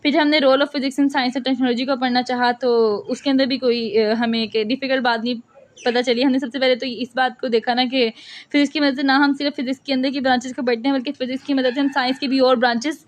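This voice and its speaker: Woman teacher with a high voice. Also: fairly even intonation. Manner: asks questions and answers them herself; reads English textbook lines slowly. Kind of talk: physics lesson.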